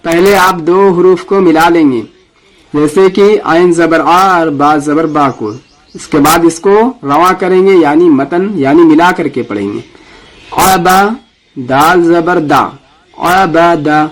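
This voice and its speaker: A man teaching Quran reading in a Pakistani Urdu accent, explaining briskly and then drilling each letter sound slowly and deliberately. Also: fairly high pitch, poor audio. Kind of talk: Urdu lesson on Arabic letters.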